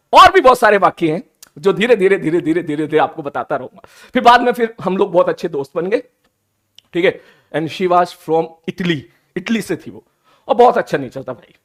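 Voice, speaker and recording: A man tells his class a story. He speaks in an animated, teasing way and drops English phrases into his talk. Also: sits high, normal speed. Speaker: teacher. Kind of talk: storytelling anecdote to students.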